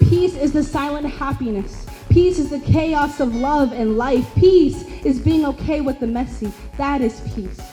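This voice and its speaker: A woman's voice: high voice, a little slow, hardly any pauses, warm tone, faint music behind, rough recording. A woman reciting a solemn, poetic speech at a community event.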